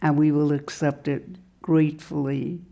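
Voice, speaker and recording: A woman in her nineties, a retired English teacher, speaking in a measured, gracious way on a live panel. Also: low voice, flat delivery, creaky, very noisy. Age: 90s. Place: live event before an audience.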